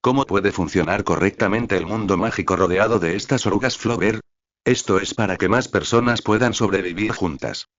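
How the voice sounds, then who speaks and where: A man reading the lines of a cool, calculating young wizard, calm and measured. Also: on the low side. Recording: dull lo-fi audio.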